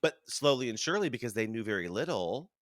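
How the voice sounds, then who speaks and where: A man in his thirties, a Broadway performer talking as an interview guest, telling animated stories and chewing food as he talks. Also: medium pitch, fast, no echo, clean studio sound. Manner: animated storytelling, acts out voices, chuckles. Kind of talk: casual conversational interview.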